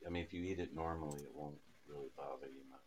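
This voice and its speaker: A man's voice: rumbling low, fairly even intonation, fast, a crowd in the background. A man joking around on a remote call, his voice muffled, distant and tinny, as if inside a metal tank through Bluetooth headphones. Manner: joking, loose, rambling delivery. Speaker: comedy podcast co-host. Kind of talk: joking, rambling chat.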